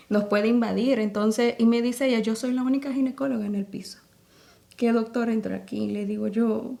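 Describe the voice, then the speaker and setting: A woman's voice: a little high, vocal fry, warm tone. Earnest Salvadoran woman giving testimony. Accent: Salvadoran Spanish. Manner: earnest, retells scenes with quoted dialogue. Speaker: podcast guest. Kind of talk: personal faith testimony.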